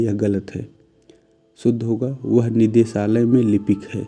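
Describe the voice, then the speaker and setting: A man's voice: mid-range voice, warm tone. A man teaching Hindi grammar, reading each sentence and declaring it correct or incorrect, sometimes asking quiz-style questions and answering them himself. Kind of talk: spoken grammar lesson.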